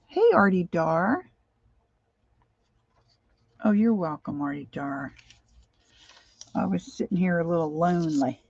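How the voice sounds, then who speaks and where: A woman's voice: on the low side, expressive, slow pace, long pauses, darkish tone, dry recording. Chatty American woman, lisping from missing teeth. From Pennsylvania, United States. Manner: rambling, chatty, addresses viewers by name. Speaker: craft livestream host. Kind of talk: casual livestream chat. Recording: dull, lo-fi sound.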